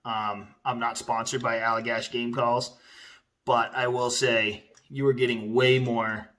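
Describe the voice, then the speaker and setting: Guy doing a laid-out casual review vlog, sharp bright voice, chatty and kinda rambly. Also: medium pitch, level tone, measured pace. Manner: rambling, conversational, informal. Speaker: product reviewer.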